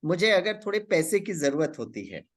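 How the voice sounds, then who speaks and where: A stubborn, candid seventh-grade schoolgirl, quoted by a man telling a story. The voice sits high for a man and stays close to his ordinary storytelling tone. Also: sing-song, moderate pace. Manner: plain storytelling tone, barely changed for the girl.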